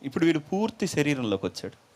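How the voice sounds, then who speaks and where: A male preacher tells a story with humor and acts out its characters. His voice sits fairly high and rises and falls a great deal. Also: fast talker. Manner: animated, acts out dialogue, jokes with listeners.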